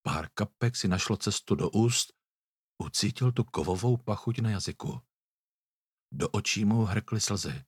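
A man narrates a storybook with a husky, slightly breathy voice. His pitch moves a lot as he tells the story. The sound is dry and close. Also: expressive, no room sound. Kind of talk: audiobook reading.

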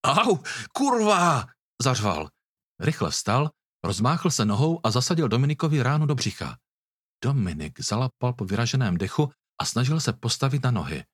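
A man narrates a storybook with a husky, slightly breathy voice. His pitch moves a lot as he tells the story. The sound is dry and close. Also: no echo. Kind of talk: audiobook reading.

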